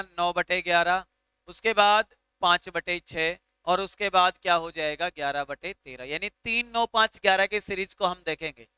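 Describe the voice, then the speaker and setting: Male tutor from India, crisp voice, dry close sound, patient step-by-step exam-prep delivery. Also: sits high, sharp tone, no echo. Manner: patient, repeats steps aloud, calls students "beta". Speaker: math teacher. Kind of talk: exam-prep math lesson.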